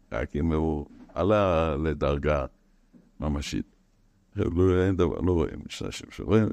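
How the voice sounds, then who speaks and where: Deep-voiced man teaching Torah. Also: no room sound. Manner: animated, repetitive, rising to emphatic outbursts.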